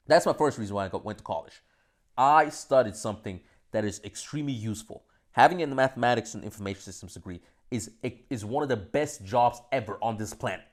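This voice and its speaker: A young Austrian vlogger with a voice on the low side talks straight to camera in a casual, animated monologue. He swears a lot and swings between loud bursts and soft asides.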